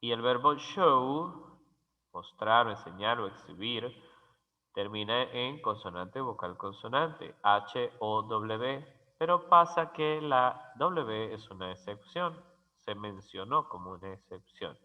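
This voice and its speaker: Male teacher, slow careful grammar lesson, spells out letters, muffled lo-fi sound, long reverb. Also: mid-range voice, expressive. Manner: spells out letters and repeats example words slowly. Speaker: English teacher.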